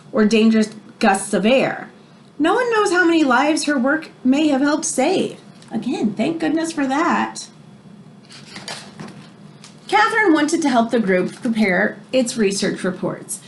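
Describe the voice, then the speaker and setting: A teacher with a slightly high voice reads a nonfiction book for children aloud in an expressive way, stopping for short asides and explanations and stressing the key phrases. A little hiss or hum can be heard.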